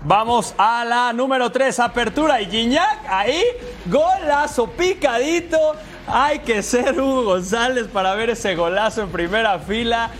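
A man hosting a sports show, calling goal highlights in fast, excited, exclamatory commentary. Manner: exclamatory, emphatic.

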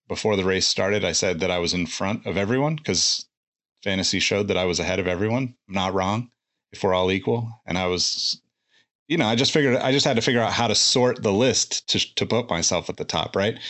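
A man with a lowish voice co-hosting a racing podcast in casual chat. He rambles, stops and restarts his sentences, and fills the gaps as he goes. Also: fairly bright tone. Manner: rambling, many restarts and fillers. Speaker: podcast co-host.

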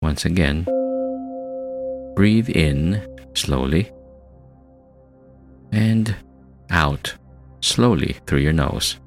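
A man hosting a guided meditation, speaking in a soft, soothing, hushed manner with long calming pauses, like a spa relaxation track. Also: very deep voice. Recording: voice over New-age music. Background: New-age music.

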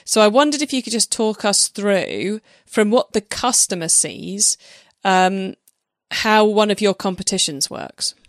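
Female podcast host, mid pitch, friendly easy manner, close dry sound. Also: a little slow, no echo. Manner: friendly, laughs easily. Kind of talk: casual podcast interview.

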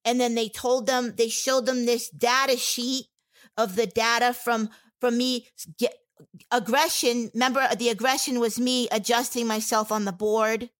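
Woman, interviewee, personal testimony, halting, candid, filler-heavy, slightly high voice. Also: level tone.

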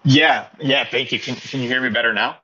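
A man's voice: mid-range voice, fairly quick, sharp tone. A man joining a market discussion over a bad online call connection, his voice muffled and echoey as he talks hesitantly with many fillers. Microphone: remote call mic.

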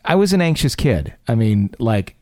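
A man's voice: mid-range voice, very animated, normal speed, darkish tone, no echo. A man hosting a talk show, speaking in a casual, conversational way into a close studio microphone.

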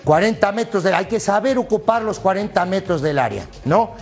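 A man analysing a football lineup on a sports panel, explaining step by step and checking in with quick tag questions. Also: sits high, lively intonation, soft background music.

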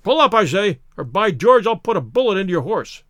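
A man performing a frantic storybook stranger, a desperate and fiercely protective man. He blusters and shouts in exclamations, high in pitch and leaping about, with a dry, close sound. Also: sing-song, brisk, no echo. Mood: threatening.

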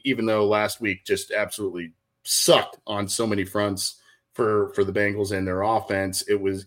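A man's voice: lowish voice, fairly bright tone. A man co-hosting a sports podcast, chatting in an easygoing way with many fillers and restarts. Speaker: podcast co-host. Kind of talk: casual sports podcast chat.

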